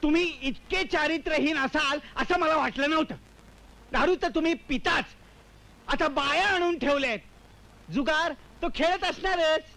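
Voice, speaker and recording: An actor playing a prudish, indignant middle-aged landlord who scolds and moralizes, in a 1980s comedy film. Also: male voice, very high voice, moderate pace, gravelly, bright, forceful tone, full character voice. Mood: outraged. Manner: moralizing, scandalized outbursts.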